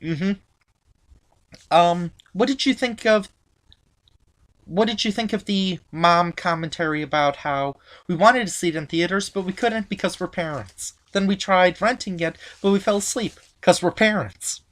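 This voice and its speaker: A woman hosting a casual episode review chat, recapping the plot in halting sentences with many restarts. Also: lowish voice. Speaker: podcast host.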